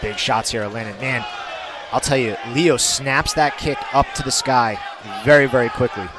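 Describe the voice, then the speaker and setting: A man's voice: mid-range voice, moderate pace, shouting, crowd noise, noisy background. A man giving conversational color commentary and analysis on a live fight. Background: music.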